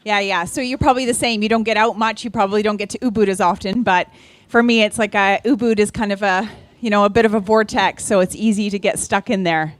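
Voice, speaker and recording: A woman's voice: medium pitch, steady tone, quick pace, no echo. A middle-aged woman from the Czech Republic giving a casual talk to a small audience, chatty, with many ums, and asking the listeners questions.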